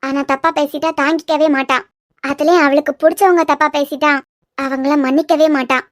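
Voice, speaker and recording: A woman voicing a sharp-tongued young wife in a cartoon web series, with a Kanyakumari Tamil accent and a pert, argumentative manner. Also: high-pitched, fairly even intonation, no room sound, clean studio sound, natural voice. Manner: pert, quick to argue.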